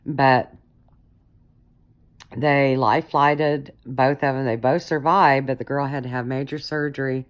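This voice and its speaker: A middle-aged woman telling a personal story in a casual, rambling way, correcting herself often and filling pauses. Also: extremely low pitch, steady tone. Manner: rambling, self-correcting, many fillers.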